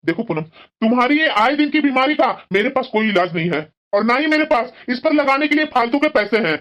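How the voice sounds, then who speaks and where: Woman doing a cold dismissive husband in a cartoon, high-ish voice, kinda muffled sound. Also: expressive, a little fast, fairly bright tone. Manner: curt, dismissive. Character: stern dismissive young husband. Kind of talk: cartoon voice acting.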